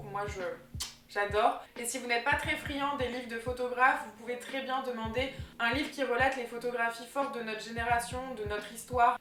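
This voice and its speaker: A young woman vlogger chatting enthusiastically about gift ideas, with plenty of fillers. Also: on the high side. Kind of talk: casual vlog chat. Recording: echoey room with faint music.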